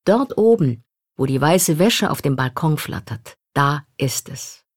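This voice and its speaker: A woman reading a first-person memoir aloud in a calm, reflective manner. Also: sits low, a little slow, husky, no room sound, clean studio sound. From Poland. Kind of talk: scripted literary narration.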